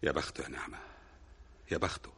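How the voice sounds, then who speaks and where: An actor playing Hamed, a tired, resigned Egyptian husband in an old radio drama. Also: male voice, on the low side, lively intonation, fast talker, fairly bright tone, breathy edge. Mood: weary. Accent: Egyptian Arabic. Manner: mocking, then tired and resigned. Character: weary, put-upon husband Hamed.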